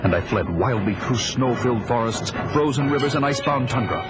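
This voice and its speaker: A man's voice: medium pitch, animated, brisk, lightly acted. An actor playing a fierce, proud barbarian warrior who recounts his life in grandiose, theatrical audio-drama style. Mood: grand, brooding. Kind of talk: dramatic first-person narration, 1980s audio drama. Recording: dramatic music under the voice.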